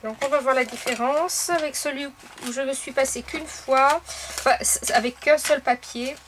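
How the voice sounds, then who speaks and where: A woman hosting a casual crafting tutorial, explaining each step in a chatty way with soft fillers. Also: high voice, normal speed, noisy background. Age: adult. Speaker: craft video host.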